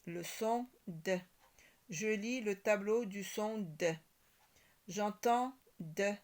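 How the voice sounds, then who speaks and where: A woman teacher slowly reading syllables and words aloud for young children, articulating each one carefully. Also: mid-range voice, darkish tone.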